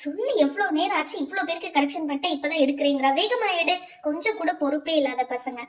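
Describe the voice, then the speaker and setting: A woman's voice: sits high, lively intonation, fast. A woman playing a strict, nagging schoolteacher. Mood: scolding. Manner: scolding, lecturing, exasperated. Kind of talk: doll pretend-play story. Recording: roomy, distant-mic home recording.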